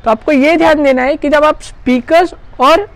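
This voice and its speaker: A high-pitched woman with fairly even intonation and a moderate pace casually installs a product, talking through each step. This gear reviewer is chatty and hands-on, and no room sound is present.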